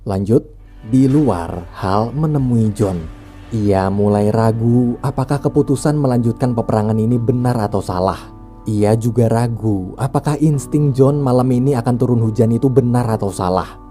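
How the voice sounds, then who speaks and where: A man's voice: mid-range voice, moderate pace, mellow. A man reading a scripted film recap as a narrator, in a storytelling style with casual asides. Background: background music.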